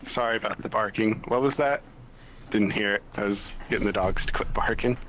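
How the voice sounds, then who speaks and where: A man's voice: on the low side, fairly quick, fairly bright tone, slight background noise. A man playing a tabletop game, talking casually and partly in character.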